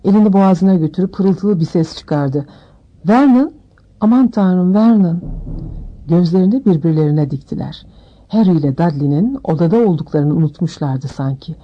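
A woman narrating an audiobook in a steady, measured reading. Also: low-pitched, husky, highs cut off.

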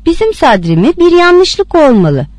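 A woman's voice: high voice, very animated, measured pace, a little mellow, dry recording, pitched above the performer's own voice. A woman voicing a flustered, frightened man who pleads in confusion in a read-aloud story. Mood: pleading. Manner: pleading, nervous.

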